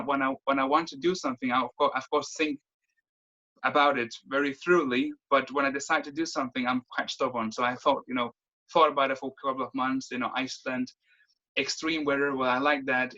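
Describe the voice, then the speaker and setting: A man in his twenties from Denmark, an interview guest talking casually, quick and full of restarts. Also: medium pitch, sharp tone, lo-fi sound. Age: 20s. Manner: quick, lots of restarts and fillers. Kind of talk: casual conversation.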